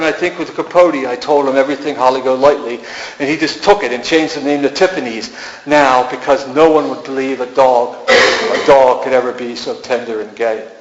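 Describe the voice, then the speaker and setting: A man giving a poetry reading in an art gallery, with a musing, incantatory delivery and repeated refrains. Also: mid-range voice. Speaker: poet. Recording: echoey room, dull lo-fi sound.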